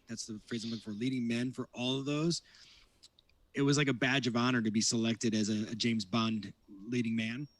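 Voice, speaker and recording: A man in a casual podcast chat, speaking in a measured way and thinking aloud with fillers. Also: mid-range voice, no echo. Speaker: podcast co-host.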